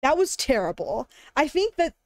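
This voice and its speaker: Young female streamer, cute bubbly anime-streamer manner, high and very animated, casual chat. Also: moderate pace, no echo. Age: young adult. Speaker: live streamer. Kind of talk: casual livestream chat, browsing and reacting. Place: indoor room at a streaming desk.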